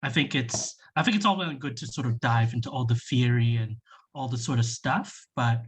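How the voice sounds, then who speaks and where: Young man from Malaysia, husky, rambling. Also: mid-range voice, fairly quick. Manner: rambling, many fillers and restarts. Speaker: workshop participant. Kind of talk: casual discussion on a video call. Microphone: laptop webcam on a video call.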